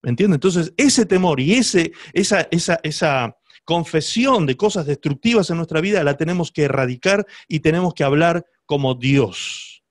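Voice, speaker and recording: A man preaching a sermon as pastor, his voice pitched high for a man. He speaks emphatically and keeps turning to his listeners with rhetorical questions. The sound is dry and close, with no room echo. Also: lively intonation, moderate pace.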